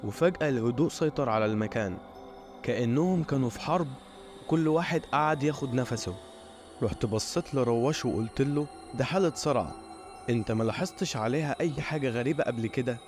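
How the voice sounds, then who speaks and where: A man with an Egyptian Arabic accent, narrating a scripted first-person horror story in a steady storytelling voice. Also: mid-range voice, fast talker, faint music behind.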